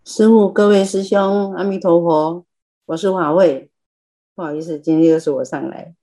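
A woman tells a personal story in a chatty, self-deprecating way. Her voice is fairly low and mellow. She speaks over a video call. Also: fairly even intonation, moderate pace. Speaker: lay practitioner sharing. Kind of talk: personal testimony in a group class.

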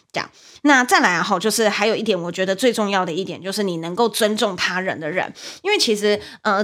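A young woman with a Taiwanese Mandarin accent, hosting a podcast and telling a story in a chatty, animated way, with many fillers and repeats. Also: mid-range voice. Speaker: podcast host, livestreamer. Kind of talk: casual storytelling monologue.

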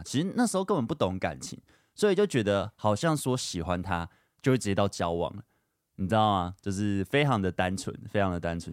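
The speaker is a young male podcast host with a low voice, delivering a casual storytelling monologue about his own life; he's candid and chatty, uses lots of fillers, and livens up when retelling events. The studio-quality audio has no room sound.

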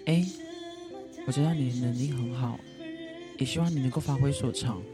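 Calm encouraging office boss, played by an actor. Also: medium pitch, a little fast, over music, natural voice.

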